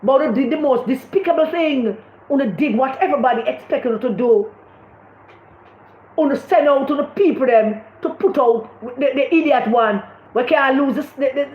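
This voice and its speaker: Impassioned Jamaican woman, high voice. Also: echoey room, highs cut off. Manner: impassioned, repeats words when searching. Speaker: political commentator. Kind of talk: livestream political commentary.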